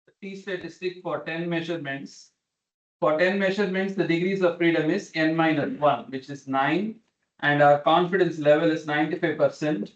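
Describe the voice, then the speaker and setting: Male instructor over a video call, slightly high voice, muffled lo-fi audio, patient step-by-step explainer. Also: normal speed. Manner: patient, explains step by step, often checks in with students. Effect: heard over a video call. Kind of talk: classroom lecture.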